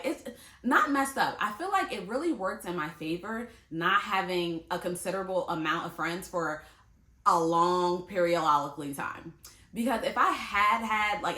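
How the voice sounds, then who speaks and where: In an echoey room, a woman in her late twenties, a vlogger, chats casually to the camera, speaking straight to her viewers and laughing easily. Her voice sits at a medium pitch with a sharp tone.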